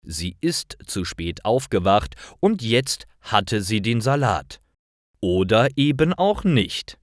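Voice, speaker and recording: In clean studio sound with no echo, a man with a fairly low voice reads simple stories meant for language learners. His pace is very slow and deliberate, his intonation lively and varied, and the whole delivery careful and scripted.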